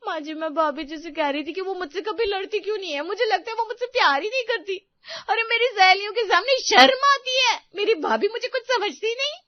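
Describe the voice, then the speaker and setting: A woman's voice: very high voice, fast, hardly any pauses, no echo, muffled recording. A woman voicing Sunita, a young sulky sister-in-law who whines and demands attention, in a cartoon story. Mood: upset. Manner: whiny, demanding. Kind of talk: cartoon voice acting.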